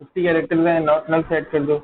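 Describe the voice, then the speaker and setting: A programming teacher runs a live online coding lecture, talking as he types and checking in with his students. His voice sits on the high side, level in tone and quick. The close mic sounds dull and tinny over the call, with faint background noise.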